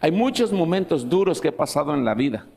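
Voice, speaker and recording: A man preaching a sermon as pastor, earnest, slowing down on key phrases and often restarting sentences. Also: fairly high pitch, big pitch swings, creaky, a little mellow. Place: church hall. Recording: long church-hall reverb.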